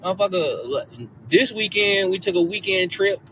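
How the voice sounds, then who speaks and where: A man in his thirties talks in a lively, swinging voice that runs a bit high, pressing his points hard and swearing freely. He sounds well away from the microphone. Clear background ambience and passing vehicle sounds run under his words. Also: moderate pace, distant mic, a little hiss or hum, rough recording. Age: 30s. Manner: animated, emphatic and profane, with many rhetorical questions. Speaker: social media creator reacting to a news story. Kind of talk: casual commentary clip.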